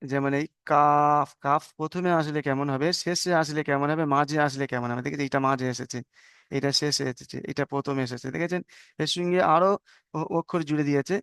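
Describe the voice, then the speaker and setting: A man's voice: fairly high pitch, fast talker, a bit bright, clear, resonant tone, dry recording, studio quality. A man teaching Arabic letters, patiently repeating letter names and checking that students follow. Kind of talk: online lesson on Arabic letters.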